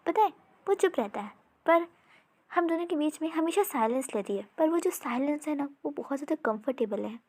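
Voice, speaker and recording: A woman's voice: high-pitched, expressive, brisk, a little mellow. Woman voicing a chatty, mischievous young prince. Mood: fond. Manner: eager, playful, talkative.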